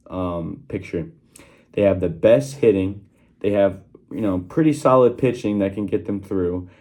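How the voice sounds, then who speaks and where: A man's voice: fairly low pitch, warm tone. A young man talking casually to his channel's viewers in a workroom, recorded on his phone, with many fillers and restarts. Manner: conversational, with frequent fillers and restarts. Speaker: channel host giving sports predictions. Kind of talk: casual one-take vlog talk. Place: small workroom at home.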